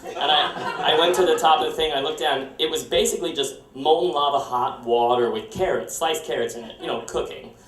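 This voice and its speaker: A man's voice: a little high, brisk, crowd noise. A young man telling a wry, self-mocking story to a live audience on a storytelling stage. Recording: roomy live stage, heard from far off, audience laughter.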